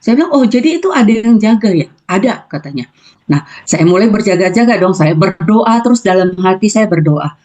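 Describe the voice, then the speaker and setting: A woman giving a personal testimony on a video call, telling her story in a lively way and acting out her prayers and conversations. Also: medium pitch, brisk. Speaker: testimony speaker.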